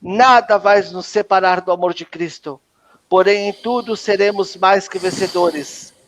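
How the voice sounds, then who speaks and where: Brazilian guy w a high voice reading prayers out, solemn and emotional. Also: steady tone, unhurried, a bit bright, slight background noise. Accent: Brazilian Portuguese. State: choked with emotion. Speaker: host. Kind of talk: reciting prayers and declarations.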